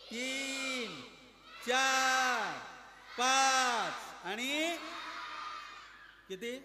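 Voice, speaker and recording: A man performing a magic show for children, coaxing and quizzing his young audience in a playful, lively way. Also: very high voice. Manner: playful, coaxing, asks the crowd questions. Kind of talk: lively stage patter with audience.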